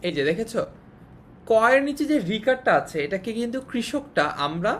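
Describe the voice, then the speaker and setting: A woman's voice: sing-song, moderate pace. A woman teaching an online class, explaining patiently, repeating key points and checking that students follow. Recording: faint noise and low rumble.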